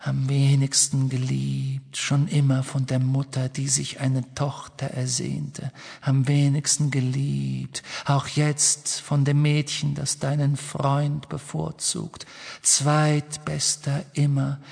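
Guy doing a slow creepy hissing locket voice, gravelly and taunting. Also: mid-range voice, monotone, darkish tone, big-room sound, pitched above the performer's own voice, heavily acted. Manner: slow, taunting, whispered hiss. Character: hissing evil voice inside a locket, menacing.

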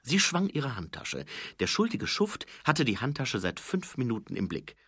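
A male audiobook narrator telling a story with a very lively, wide-ranging pitch. His voice is bright and husky, recorded dry and close. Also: normal speed, dry recording. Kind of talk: scripted narration.

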